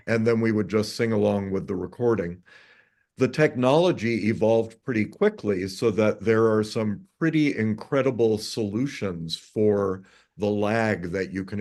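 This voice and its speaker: A man in his fifties, a conductor answering interview questions over a video call, measured and articulate. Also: on the low side, darkish tone. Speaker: conductor, guest.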